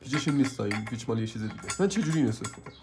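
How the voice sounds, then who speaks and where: A man with a cold and a hoarse voice, complaining as he reviews a purchase in a casual hands-on video and keeps asking viewers for help. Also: mid-range voice, lively intonation, background noise.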